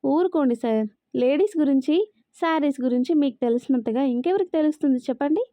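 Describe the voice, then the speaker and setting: A woman's voice: high-pitched, brisk, warm tone, dry recording, lightly acted. A woman voicing a cheeky, loyal young male assistant who banters and pleads. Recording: dry, slightly dull recording.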